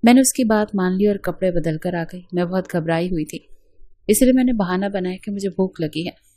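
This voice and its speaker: A woman telling a scripted story in the first person, in a steady and even way. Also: lowish voice, breathy edge, no echo.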